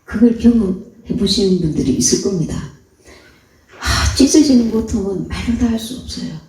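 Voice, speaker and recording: A woman's voice: mid-range voice, normal speed, a little mellow, distant mic, slight background noise. A woman missionary preacher delivering an earnest, exhorting sermon in a church. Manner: earnest, exhorting, acts out quoted voices. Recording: echoey hall, voice off-mic.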